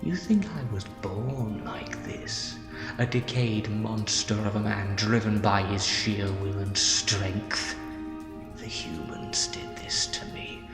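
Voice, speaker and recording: A man's voice: lowish voice, slow pace. A man playing a bitter, decayed villainous mastermind in a fan audio drama, grandiose, persuasive and menacing. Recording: echoey hall, clear music behind.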